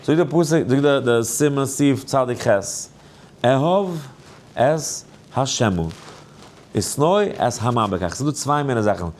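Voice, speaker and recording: Chanting rabbi teaching a Torah class. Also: male voice, measured pace, slight background noise. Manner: sing-song, stretches phrases into a chant; lively, swings high and low. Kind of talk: animated Torah lesson.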